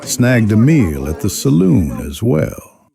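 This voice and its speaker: Man as a gravelly, slow-drawling western outlaw. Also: lowish voice, sing-song, noisy background, exaggerated voice. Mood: wry. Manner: folksy drawl, wry and unhurried. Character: young male outlaw drifter recounting his rough life, rueful. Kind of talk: scripted first-person western narration.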